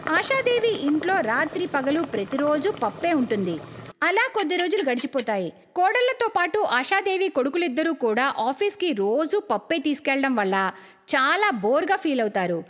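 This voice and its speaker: A woman narrating a cartoon story in a steady, plain scripted way. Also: sits high, moderate pace, big-room sound.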